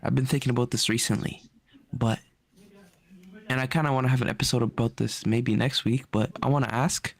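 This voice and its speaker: A man hosting a casual podcast, relaxed and teasing as he steers the talk. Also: medium pitch, a little fast, gravelly. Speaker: podcast host.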